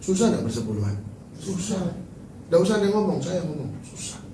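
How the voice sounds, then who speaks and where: A man preaching a sermon as pastor, animated and joking, then dropping to soft, tearful tones. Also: sits high, brisk, a little hiss or hum. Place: large church hall. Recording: echoey church hall from far off.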